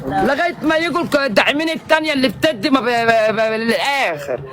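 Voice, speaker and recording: A man with an Egyptian Arabic accent, streaming live and calling out loudly and theatrically to his viewers for gifts. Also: very high voice, animated, racing. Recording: live-stream audio with loud crowd noise.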